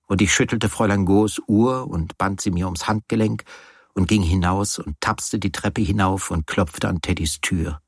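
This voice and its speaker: Husky, low-voiced male audiobook narrator. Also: no echo, studio quality. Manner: measured, wry first-person storytelling.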